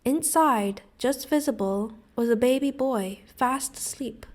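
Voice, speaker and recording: A woman teacher with an American accent reading a story aloud in a clear, expressive way. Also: on the high side, unhurried. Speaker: English teacher. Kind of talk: audiobook reading.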